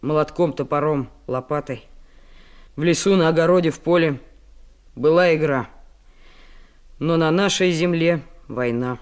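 A man's voice: on the high side, measured pace, pauses often, clean tone, natural voice. An actor playing an earnest, resolute boy leader in wartime, serious and emphatic, in a radio drama. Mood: grave, resolute. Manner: serious, emphatic short phrases.

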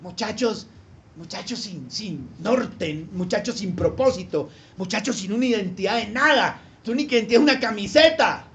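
A man's voice: high-pitched, expressive, moderate pace, a bit bright. A man preaching a sermon as a pastor, talking animatedly with rhetorical questions and acted-out voices. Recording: slightly dull lo-fi sound with faint noise.

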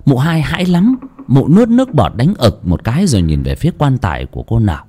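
A man's voice: mid-range voice, very animated, a little fast, dark tone, husky. A man narrating a village ghost story in a dramatic, suspenseful way.

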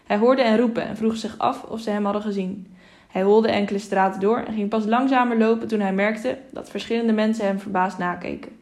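A woman reads a storybook aloud in a calm, even voice. Her pitch sits in the middle for a woman. She narrates steadily. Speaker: audiobook narrator.

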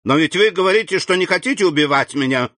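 A man reading aloud, voicing a frantic aging captive banker who pleads in a high, shrill voice. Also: expressive, fast talker, fairly bright tone, no echo, clean studio sound.

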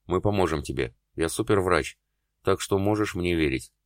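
A man's voice: low-pitched, moderate pace, no room sound, clean studio sound, lightly acted. Man reading a curt, commanding surgeon. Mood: reassuring. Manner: curt, barking orders. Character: stern male neurosurgeon, commanding under pressure.

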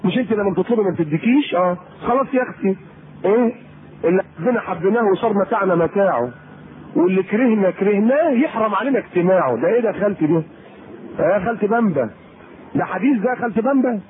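An Egyptian man preaching a colloquial sermon to women, lively and teasing, acting out the people he quotes. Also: high-pitched, fast. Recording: tinny phone-like lecture tape with faint hiss.

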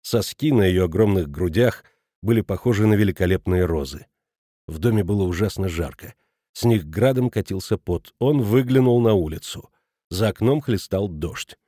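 Guy narrating an audiobook, measured, dry close mic. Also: low voice, animated, mellow, no room sound. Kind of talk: scripted literary narration.

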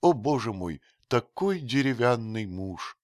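A man voicing a timid, gentle youth with a high, soft boyish voice in a read-aloud story. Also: sing-song, a little slow, dry recording, studio quality. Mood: pleading. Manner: pleading, teasing.

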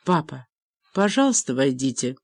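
A woman's voice: a bass voice, big pitch swings, normal speed, dry recording, pitched below the performer's own voice, heavily acted. A woman reading aloud and voicing a frightened young woman who answers her father timidly and pleads with him.

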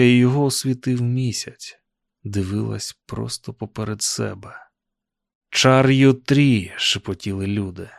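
A man narrating an audiobook in a calm, even storytelling manner. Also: fairly low pitch, vocal fry, dry recording, clean studio sound. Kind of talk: scripted narration.

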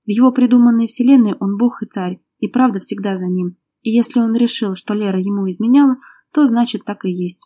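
Warm-voiced woman narrating a tense drama. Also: mid-range voice, fairly quick. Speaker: audiobook narrator. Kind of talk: scripted narration.

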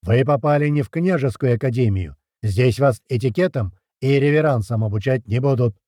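A man voicing a gruff male drill-sergeant instructor who barks commands in a booming voice. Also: normal speed, mellow, no echo, studio quality, close to an everyday voice. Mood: stern.

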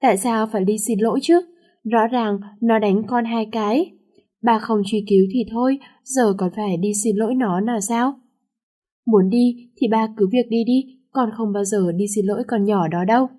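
A woman's voice: on the high side, moderate pace, mellow, close to an everyday voice. A woman voicing a spoiled teenage daughter who talks in a whiny, defiant way, read in an audiobook.

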